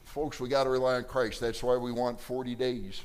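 A man's voice: mid-range voice, little pitch movement, normal speed, clean tone. A middle-aged male pastor preaching a sermon with fiery emphasis, reading scripture aloud and acting out quoted voices.

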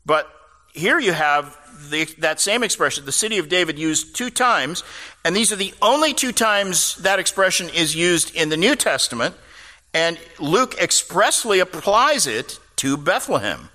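A man's voice: sits high, very animated, a little slow, sharp tone. A man preaching a sermon, explaining scripture passages with casual asides to the congregation. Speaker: pastor. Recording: long reverb of a large hall.

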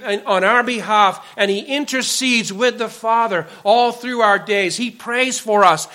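Male pastor, sermon delivery, high-pitched and bright, earnest, stacks up emphatic lists.

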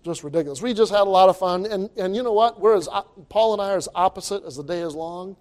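A high-pitched pastor preaches a sermon into a pulpit microphone. He is emphatic, repeating his words as he builds up to loud exclamations.

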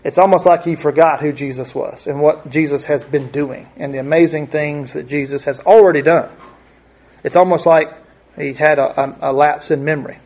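Male preacher, slightly high voice, plain conversational Bible teaching, stop-start delivery. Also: fairly even intonation, a little mellow. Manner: conversational, halting, many restarts and asides.

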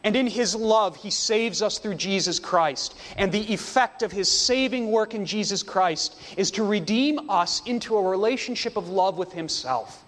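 A man preaching a sermon, slow and emphatic, with dramatic pauses between phrases. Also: high-pitched, fairly bright tone, big-room sound.

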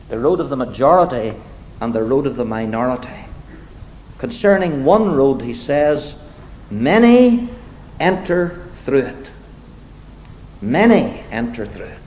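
A man preaching a sermon to his congregation, deliberate and emphatic, slipping into wry, self-deprecating asides. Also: medium pitch, a little mellow, slight background noise, rough recording.

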